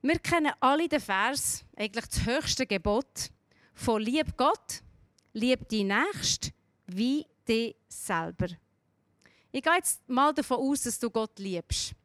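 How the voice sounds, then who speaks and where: A woman's voice: a little high, lively intonation, slow pace, a bit bright, dry recording. A woman with a Swiss German accent giving a sermon, telling a story and asking the listener direct questions. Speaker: speaker giving a devotional talk.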